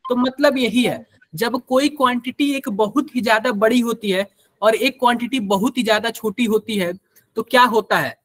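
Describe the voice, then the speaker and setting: A man's voice: very high voice, moderate pace, a bit bright, dry recording. A man with a Hindi accent teaching a live online chemistry class, quizzing students and using everyday examples.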